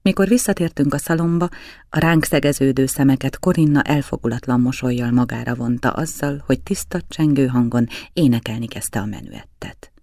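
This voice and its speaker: A man reading a novel aloud in measured, even storytelling narration. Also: medium pitch, creaky, dry recording, studio quality. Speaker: audiobook reader.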